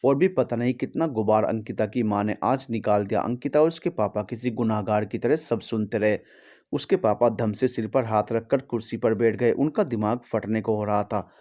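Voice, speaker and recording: A male storyteller with a fairly low voice. He narrates an emotional family tale steadily, with feeling. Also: moderate pace, mellow.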